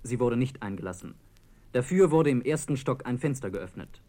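A man narrating a historical radio documentary in a measured, scripted read. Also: medium pitch, animated, mellow.

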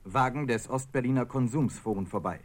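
A man's voice: mid-range voice, fairly quick. A man reading a historical radio documentary script as a second narrator, in a plain reading voice.

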